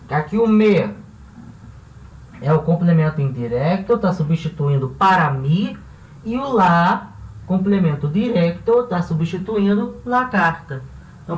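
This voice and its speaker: High-voiced man teaching in a roomy space. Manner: explains step by step, asks rhetorical questions. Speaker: Spanish teacher. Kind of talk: classroom-style grammar lesson. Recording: roomy, slightly distant mic.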